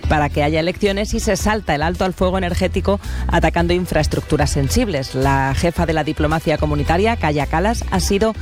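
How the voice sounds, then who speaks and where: A woman anchoring a radio news bulletin, reading in a measured, formal way. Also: sits low, a little mellow, faint music behind.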